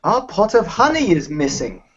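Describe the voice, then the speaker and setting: A man's voice: sits high, sing-song, moderate pace, slightly rough, heavily acted. A man from England reading a worried husband whose cat has gone missing, in an earnest, plaintive way, for a children's play. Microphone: video call. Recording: dull lo-fi video call audio.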